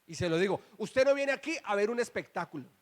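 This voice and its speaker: Talking fast in a high, expressive voice, a man preaches a church sermon. He throws rhetorical questions at the congregation with emphasis, urging them to answer and repeat after him.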